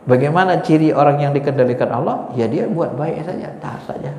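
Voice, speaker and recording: A male preacher giving an emphatic sermon, sometimes jumping to high exclamations and laughing. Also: a little fast, warm tone. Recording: roomy hall echo, faint background noise.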